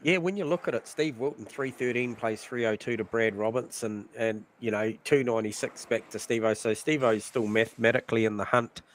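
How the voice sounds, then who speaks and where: A man co-commentating a sim racing event in a relaxed, chatty way full of fillers. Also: medium pitch, brisk, hardly any pauses. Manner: relaxed, lots of fillers and mate. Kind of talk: casual commentary chat.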